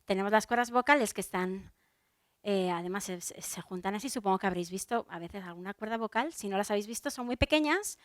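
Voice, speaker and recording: A woman's voice: mid-range voice, quick pace, no echo, studio quality. A woman from Spain with a Spanish accent, a soprano giving a chatty public talk and speaking straight to her audience, with many fillers and restarts.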